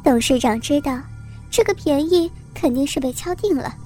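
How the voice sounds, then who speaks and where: Woman narrator, high bright pitch, steady story reading, faint music underneath. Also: normal speed. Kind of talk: scripted narration.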